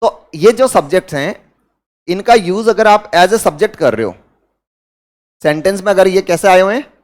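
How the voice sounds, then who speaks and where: A man's voice: sits high, animated, normal speed. A man with an Indian accent giving a grammar lecture in a classroom, who asks his students questions and then answers them himself. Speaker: English teacher.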